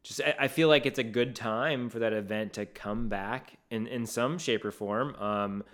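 A man's voice: mid-range voice, normal speed, fairly bright tone. A man hosting a cycling podcast, chatting loosely with fillers and the odd curse. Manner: loose and profane, many fillers. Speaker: podcast host. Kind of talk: casual chat.

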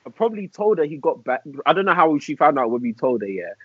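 A man's voice: on the high side, sing-song, quick pace, husky, no echo, phone-quality sound. A young man with a London roadman accent, talking emphatically and repetitively in street slang during a casual group discussion. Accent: London roadman, urban slang. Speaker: podcast panellist answering listener dilemmas.

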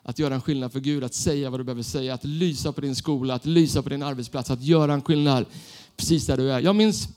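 A man in his thirties preaching a sermon, telling self-mocking stories in an animated way. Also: medium pitch, few pauses.

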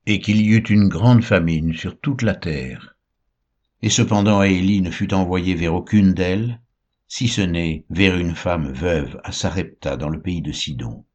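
A man with a low, husky voice reads scripture in a slow, measured style. The recording sounds dull and lo-fi. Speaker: Bible reader. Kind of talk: scripture reading.

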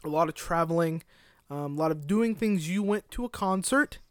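High-voiced young man, rambling chat. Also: normal speed, clear, resonant tone, dry recording, clean studio sound. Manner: rambling, joking, gets loud. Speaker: podcast host. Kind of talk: casual chat.

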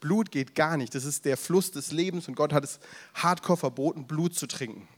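A man's voice: fairly high pitch, normal speed. A man preaching a casual youth sermon, retelling the story with slang, acting out the crowd's voices and breaking off for asides to the audience. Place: event room with audience, drinking beer.

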